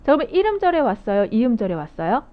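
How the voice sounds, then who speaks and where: A woman's voice: on the high side, sing-song, fast talker. A woman giving a recorded phonics lecture to teachers, explaining rules step by step and asking her viewers questions. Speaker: phonics instructor training teachers. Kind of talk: video lecture. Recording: dull lo-fi audio.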